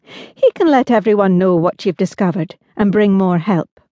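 A woman voicing a cheerful, brisk father in a children's audiobook. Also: mid-range voice, expressive, dark tone, no room sound, dull audio, lightly acted. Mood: jolly. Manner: brisk, jolly. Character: cheerful, grinning dad, middle-aged man. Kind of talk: audiobook character voice.

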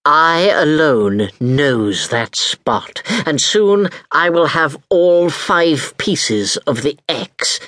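A wicked pirate captain with a gruff, growling voice, as a man puts him on. He drags his words out slowly and lets his pitch swoop and rise as he schemes, in a dry, close storybook reading. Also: expressive, fairly bright tone, no echo, full character voice. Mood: menacing. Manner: growling, slow and menacing.

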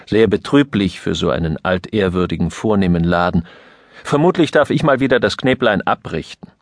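A man's voice: low-pitched, expressive, normal speed, no room sound. A man voicing a weary, sardonic male copywriter in an audiobook, grumbling with dry irony. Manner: drawling, grumbling, ironic.

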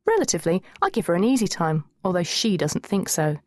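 A woman narrating a first-person teen novel in a lively, wry manner on a close studio mic. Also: fairly low pitch, brisk, dry recording. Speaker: audiobook narrator.

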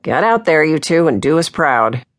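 A woman voicing a bossy, jovial older brother who coaches the team in a loud, hearty, commanding way, read for an audiobook. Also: low voice, big pitch swings, moderate pace. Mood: rousing.

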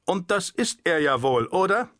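A man's voice: sits high, very animated, moderate pace, fairly bright tone, no room sound, studio quality, pitched above the performer's own voice. A man voicing a domineering, suspicious Prussian sentry who barks orders and talks down to people. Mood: sneering. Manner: domineering, condescending, barking orders. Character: overbearing male Prussian sentry, adult, suspicious.

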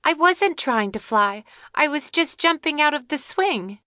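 Brief: high, bright young girl for a kids' audiobook, earnest, voiced by a woman. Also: lively intonation, unhurried, no room sound, clean studio sound, heavily acted. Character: twelve-year-old girl, spirited. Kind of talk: children's audiobook character voice.

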